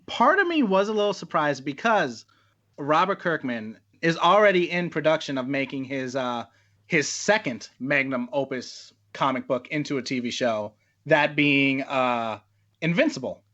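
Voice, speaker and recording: A man's voice: on the high side, lively intonation, moderate pace, bright, forceful tone. A man co-hosting a podcast in casual chat, explaining things with many "like" and "uh" fillers. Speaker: podcast co-host. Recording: dull, lo-fi mic sound.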